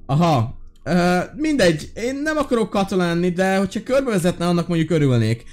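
A man hosting a gaming video, giving casual, excitable and curious let's-play commentary with many fillers. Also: high voice.

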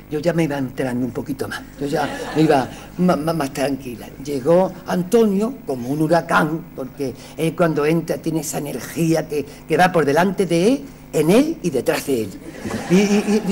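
A woman giving a tribute speech at an awards gala, telling a lively stage anecdote with laughing asides. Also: sits low. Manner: animated storyteller with laughing asides.

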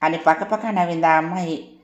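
A woman reads a first-person story aloud in a steady, unhurried way. Her voice sits somewhat low. The recording has a roomy echo. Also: highs cut off. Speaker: audiobook narrator. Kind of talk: scripted story narration.

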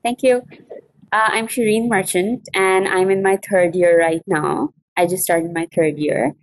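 A young woman from Pakistan, a student talking casually and haltingly about her studies on a video call from a classroom. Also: mid-range voice, fairly even intonation, rough recording. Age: young adult. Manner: halting, with many fillers and restarts. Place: classroom with whiteboard. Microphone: laptop webcam on a video call.

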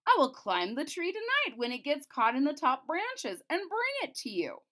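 Woman playing a storybook court jester, high lifted voice, coaxing, earnest, animated. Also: normal speed, full character voice. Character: clever gentle male court jester.

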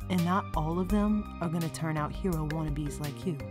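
This is acted comic dub dialogue for a superhero story, with music beneath it. A woman, lightly acting in a low-pitched voice at normal speed, plays a confident, challenging mentor who sounds cool and assured.

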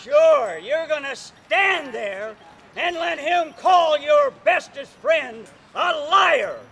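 Man acting a high, creaky, bossy cowboy gunfighter. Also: expressive, takes it slowly, full character voice. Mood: goading. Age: older. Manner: exasperated, needling, declaiming. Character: bossy, goading cowboy gunfighter, scheming troublemaker. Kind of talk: live comic Wild West stunt show acting. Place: outdoors in a park. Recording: outdoor park show with noisy crowd.

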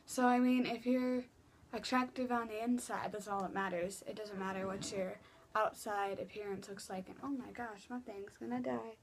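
A teenage vlogger chats in her small bedroom, recorded on a laptop webcam mic as she answers viewer questions in a casual Q and A. Her medium-pitched voice moves little in pitch and runs at normal speed, with many fillers and restarts.

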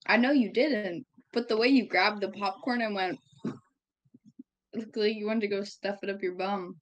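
A woman's voice: mid-range voice, moderate pace, dull audio. A woman from Ontario, Canada, being interviewed in casual chat. She tells crude jokes and breaks into laughs. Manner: crude, joking, bursts into laughs.

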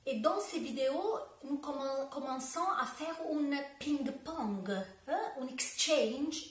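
A woman in her forties with an Italian accent, speaking French as a second language to a camera at home, slow and searching, with restarts and Italian words slipping in. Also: high voice, lively intonation, far from the mic. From Italy. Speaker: dance teacher. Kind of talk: direct-to-camera video talk. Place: home room with bookshelves, indoors. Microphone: camera a few metres away. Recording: echoey room.

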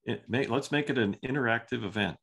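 A man hosting a live webinar over a video call, casual and halting, with lots of ums and uhs. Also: medium pitch, gravelly, fairly bright tone, breathy edge.

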